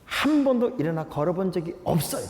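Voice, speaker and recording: A Korean pastor in his sixties, a man, preaching a sermon with lively humorous storytelling. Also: sits high, a little fast. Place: large church sanctuary. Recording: echoey church hall, faint noise.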